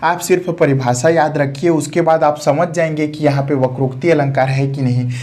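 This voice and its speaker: A man with a somewhat high voice gives a patient grammar lesson. He explains each term step by step, repeats key words, and asks rhetorical questions before answering them himself. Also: fairly even intonation, normal speed, darkish tone. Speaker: Hindi grammar teacher.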